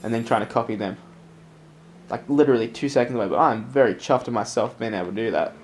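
A man's voice: medium pitch, quick pace, darkish tone, slight background noise. A man hosting casual gameplay commentary in a sweary, self-deprecating way. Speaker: gaming host.

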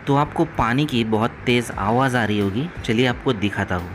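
A man's voice: mid-range voice, normal speed, music in the background. A young man narrating a travel vlog on roads, waterfalls and a dam, guiding viewers along the way. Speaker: travel vlogger. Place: outdoors on rural roads and by waterfalls.

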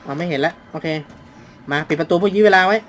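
A man hosting a horror game let's play, talking to himself as he plays. He is excitable and swears casually. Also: a little high, fast talker, a little hiss or hum. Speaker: gaming channel host.

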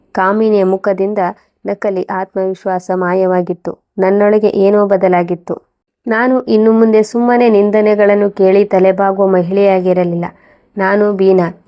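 A woman narrating a scripted first-person story in a calm, steady way. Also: medium pitch, lo-fi sound.

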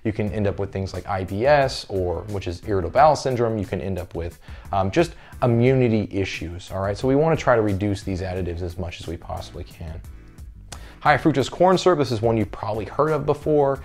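A man's voice: on the low side, lively intonation, fairly quick, a little mellow, soft background music. Man teaching with "all right?" check-ins. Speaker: fitness coach. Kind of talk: casual talking-head lesson. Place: carpeted room with window blinds, indoors.

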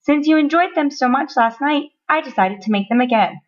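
A woman's voice: mid-range voice, big pitch swings, slow pace, creaky, fairly bright tone, slightly rough, exaggerated voice. A woman voicing a cheerful, doting mother in a sweet sing-song voice, on a dull lo-fi recording. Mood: happy.

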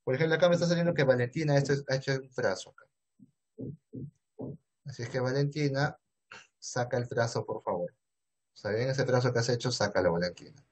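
A man's voice: medium pitch, fairly quick, long pauses. A man with a Peruvian Spanish accent teaching math in an online class over a video call, asking questions and answering them himself. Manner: asks and answers his own questions.

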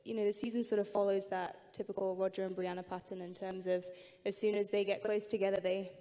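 A woman's voice: medium pitch, level tone, quick pace, mellow. Chatty woman on a reverberant stage. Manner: chatty and explanatory, many "um"s. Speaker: actor on a festival panel. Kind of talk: panel talk. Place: festival stage.

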